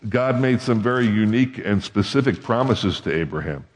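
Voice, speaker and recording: A pastor with a lowish voice delivers an animated sermon at a moderate pace, keeping it conversational and often asking the congregation questions. Long hall reverb fills the recording.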